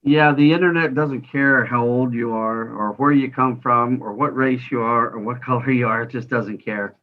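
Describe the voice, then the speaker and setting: A man's voice: mid-range voice, fairly even intonation, moderate pace. Informal male host, chatty and loose, slightly dull recording. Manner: informal, rambling, many fillers. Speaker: podcast host. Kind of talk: casual interview hosting.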